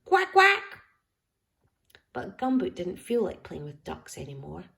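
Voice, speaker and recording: A woman reading a picture book aloud to a child, expressive and affectionate, dropping at times into hushed whispers. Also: low-pitched, normal speed, gravelly. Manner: affectionate toward listener. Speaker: storyteller.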